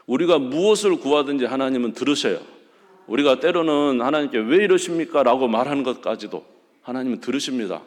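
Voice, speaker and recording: A male pastor preaching a sermon in a church sanctuary, acting out quoted dialogue dramatically with sudden rises in pitch and loudness. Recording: long church hall reverb.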